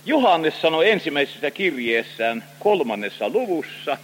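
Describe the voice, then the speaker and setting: A man preaching a sermon, expressive and full of small hesitations as he reads and explains scripture. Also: a little high, long reverb tail, rough recording.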